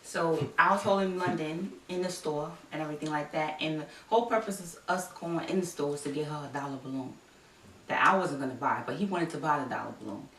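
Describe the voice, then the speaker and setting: A woman's voice: deep voice, fast talker, a bit bright. A woman casually telling a story, chatty and full of "like", recorded from a distance in an echoey room with faint hiss. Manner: chatty, lots of likes, laughs easily. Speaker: vlogger and wife.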